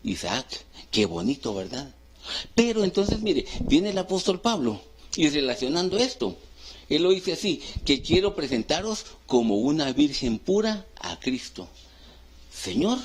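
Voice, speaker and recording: A man preaching a sermon as pastor, asking the congregation questions and answering them himself, swinging between loud rising calls and hushed low phrases. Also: big pitch swings, unhurried, slightly rough. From Guatemala. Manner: call-and-response questions to the congregation.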